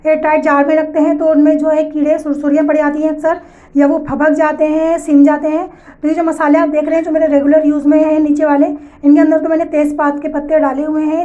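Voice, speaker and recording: A woman with a high, mellow voice gives step-by-step household tips from home, captured in lo-fi sound. Speaking straight to her viewers, she patiently repeats each step.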